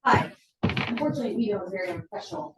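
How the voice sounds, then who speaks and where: A woman presenting a faculty training talk, lively and acting out what students say, recorded in a college meeting room. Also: medium pitch, rapid-fire, very noisy. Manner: lively, acts out student quotes. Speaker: workshop presenter. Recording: roomy hall, far from mic.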